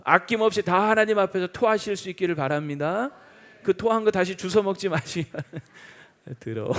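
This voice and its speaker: Middle-aged pastor guy preaching, voice leaps up and down a lot, fairly high for a man. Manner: emphatic preaching with call-and-response questions; acts out taunts in mocking quoted voices. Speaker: senior pastor. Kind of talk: sermon.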